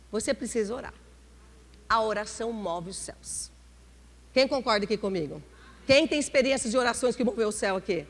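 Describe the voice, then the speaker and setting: Expressive Brazilian woman pastor preaching. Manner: expressive, confiding, with sudden dramatic pitch jumps and drawn-out words. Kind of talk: sermon. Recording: church hall reverb.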